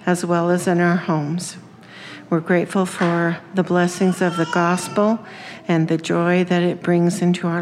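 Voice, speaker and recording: A woman's voice: fairly low pitch, darkish tone. A woman saying an opening prayer at church in a solemn, reverent manner. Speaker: congregation member giving a prayer. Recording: background noise, room ambience.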